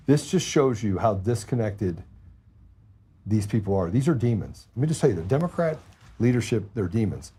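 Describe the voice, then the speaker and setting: A man's voice: on the low side, mellow, slightly rough. A man hosting a political talk show, blunt and heated, often repeating words as he gets going.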